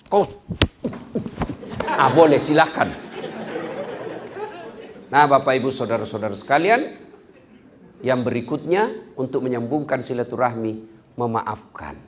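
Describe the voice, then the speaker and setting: A man delivers an animated sermon in a fairly high voice. His pitch leaps around constantly, from loud, raised exclamations to quiet, low asides. He acts out the quoted voices in his teaching. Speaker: preacher. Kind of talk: lively sermon at an office gathering.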